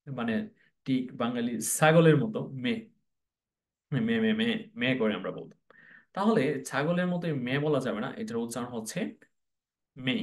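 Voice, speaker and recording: A man with a Bangladeshi accent teaching English pronunciation in a spoken lesson, repeating each model word several times and mixing English words into his speech. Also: medium pitch.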